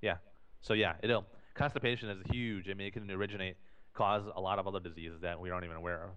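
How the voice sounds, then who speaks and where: Man with a lowish voice who explains things fast, lots of restarts. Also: steady tone, a bit bright, smooth. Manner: explanatory, repeats and restarts phrases. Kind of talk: casual podcast talk. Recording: dull lo-fi recording.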